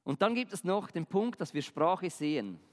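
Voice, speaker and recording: High-voiced man explaining in a reverberant room. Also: big pitch swings, moderate pace. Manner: conversational, addresses viewer directly, asks questions. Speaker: presenter explaining language and communication. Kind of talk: explanatory video talk addressing the viewer.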